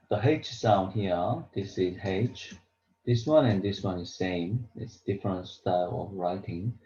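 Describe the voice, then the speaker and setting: Slow, mellow man teaching. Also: fairly low pitch. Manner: halting, repetitive, simple English explanations. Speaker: Korean language teacher. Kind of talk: beginner pronunciation lesson. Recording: roomy echo, dull lo-fi sound.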